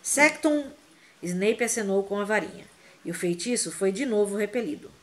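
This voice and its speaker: A woman's voice: medium pitch, a little fast. Woman reading a novel aloud, dramatic. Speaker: audiobook reader. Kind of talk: expressive audiobook narration.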